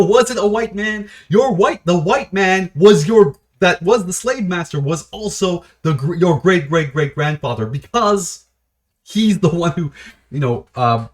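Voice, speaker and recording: A man hosting his own video series, talking off the cuff in a rambling, animated way, with frequent restarts and short laughs. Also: on the high side. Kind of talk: casual unscripted monologue.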